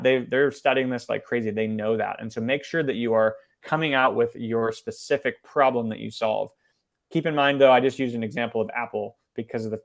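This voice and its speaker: A man presenting a marketing lesson, talking fast and conversationally, with many fillers and restarts. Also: medium pitch. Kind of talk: webinar presentation.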